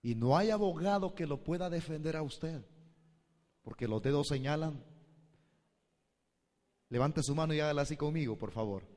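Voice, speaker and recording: A man's voice: a little high, animated, moderate pace, pauses often, darkish tone, in a large hall. A man pastor, preaching a sermon and addressing the congregation with questions. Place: church hall.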